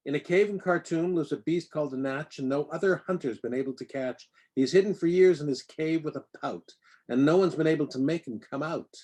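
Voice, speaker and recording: A man with a warm tone and a slightly high voice reads a rhyming children's picture book briskly and expressively, landing on the nonsense words with playful, theatrical flair.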